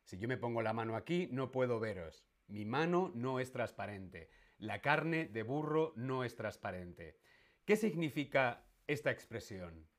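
A man with a Spain Spanish accent runs a live-streamed language lesson, speaking in an expressive, unhurried mid-range voice. He playfully quizzes viewers, repeats every question, and makes animal noises in jest.

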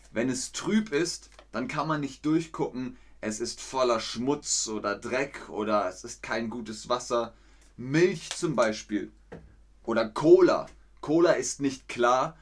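A man teaching a language lesson on a livestream, with a mid-range voice. He speaks slowly and deliberately and lays out each point with care. Now and then his pitch jumps up high in bursts of excitement. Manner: slow, clear explanations with sudden high excited jumps. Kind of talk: live-streamed language lesson.

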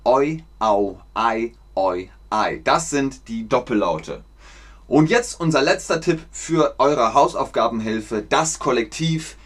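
A male teacher on a live stream who speaks slowly and clearly and repeats key words for his students. He keeps a chatty tone and reads viewer names out from the chat. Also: medium pitch, animated. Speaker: German teacher. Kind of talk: live-streamed language lesson.

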